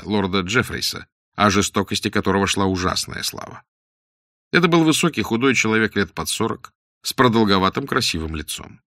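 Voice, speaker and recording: A man narrating a story aloud in a measured, expressive reading. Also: lowish voice, no room sound, clean studio sound. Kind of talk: scripted audiobook narration.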